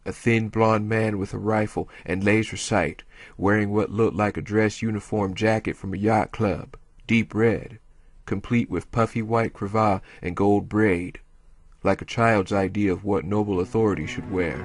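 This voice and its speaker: Male audiobook reader, low register, dry recording with soft music. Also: fairly even intonation, moderate pace, dry recording. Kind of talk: audiobook narration.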